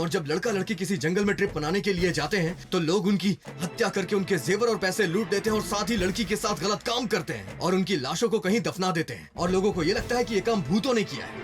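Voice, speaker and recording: An actor dubbing a confident male police investigator who lectures patiently and slips English phrases into his speech. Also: sits high. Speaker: police officer. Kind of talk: dubbed film dialogue. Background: film score music.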